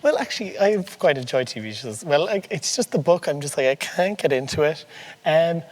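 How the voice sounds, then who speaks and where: A man's voice: on the high side, expressive, normal speed. Talkative young man, Irish midlands accent. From Portlaoise, Irish midlands. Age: early 20s. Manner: talkative, informal. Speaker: student podcast co-host. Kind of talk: casual chat.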